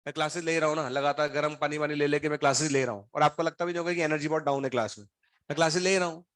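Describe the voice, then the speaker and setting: Talking very fast in a slightly high, fairly bright and evenly intoned voice, a male coaching teacher sternly and sarcastically grills his students one after another. He's running a fever and his throat is unwell. The recording has no room sound.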